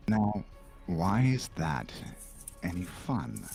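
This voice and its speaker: Masked male schemer, gravelly, very deep, drawn-out menacing drawl, swooping delivery. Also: very animated, a little mellow, faint music behind, exaggerated voice. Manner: slow, drawn-out, threatening. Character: strange masked man, menacing gem-hungry dealer.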